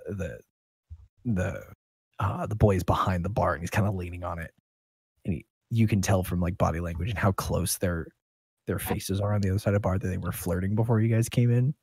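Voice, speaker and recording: Game master, male, very low husky voice, dry close mic, loose joking narration. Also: darkish tone, no room sound. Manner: casual, rambling, joking, swears.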